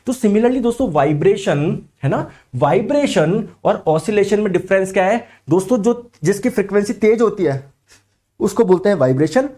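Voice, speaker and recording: A male teacher with a sore throat, giving an animated lecture. He keeps asking his students questions and then answers in their voice. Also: high voice, moderate pace. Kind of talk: lively classroom lecture.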